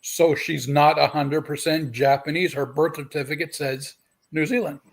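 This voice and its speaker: A man's voice: on the high side, steady tone, moderate pace, gravelly. A man co-hosting a podcast, casually chatting and correcting the other speaker's facts. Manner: contradicting, fact-checking. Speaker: podcast co-host. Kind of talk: casual chat.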